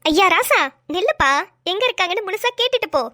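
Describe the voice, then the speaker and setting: A bossy young cartoon wife who scolds nonstop and tosses insults , voiced by a woman. Her voice sits extremely high and rings bright. She is dry and close, recorded in a studio. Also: lively intonation, fast talker, no room sound, full character voice. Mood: scolding. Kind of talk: cartoon voice acting.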